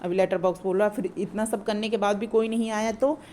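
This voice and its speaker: A woman's voice: medium pitch, fairly even intonation, fairly quick, a little mellow, a little hiss or hum. Woman teacher explaining a lesson. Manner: retells each line in simpler words.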